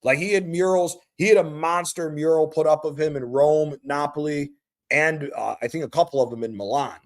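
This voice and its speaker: A man's voice: on the high side, moderate pace. A man in his thirties hosting a casual sports chat, laid-back and swearing freely, repeating his points. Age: 30s. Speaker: show host.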